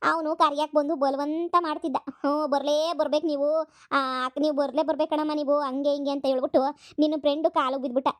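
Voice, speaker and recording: A woman's voice: sits high, little pitch movement, a little fast, lightly acted. A woman voicing a scheming, greedy mother in a cartoon comedy, nagging and wheedling. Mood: boastful. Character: scheming greedy rural mother, middle-aged.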